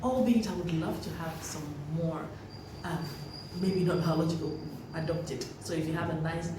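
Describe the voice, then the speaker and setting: A woman's voice: low voice, normal speed. Woman vlogger lecturing parents, repeats herself for emphasis, far off mic, big echoey room. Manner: earnest, preachy, repeats key phrases for emphasis. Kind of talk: direct-to-camera parenting advice. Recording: very echoey room, voice from a distance, faint noise.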